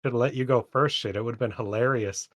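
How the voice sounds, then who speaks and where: A man's voice: mid-range voice, fairly quick, dry recording, muffled recording. Rambling, laughing man on a dry podcast mic. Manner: rambling, laughing, searches for words. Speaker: podcast co-host. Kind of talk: casual book-club chat.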